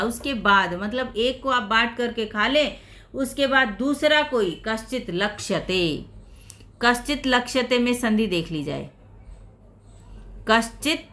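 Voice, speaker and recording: A woman explains a Sanskrit lesson in Hindi, going over each rule patiently and repeating her examples. Her voice sits a little high and sounds bright and sharp. She takes her time, speaking at a slow, deliberate pace. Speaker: Sanskrit teacher.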